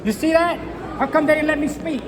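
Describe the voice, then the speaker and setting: A man in his fifties from New York, heckling at an outdoor rally, shouting and repeating taunts in English and Spanish. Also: very high-pitched, a little fast. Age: 50s. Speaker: street protester. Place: outdoors by a city building. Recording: crowd and street noise. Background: crowd, traffic.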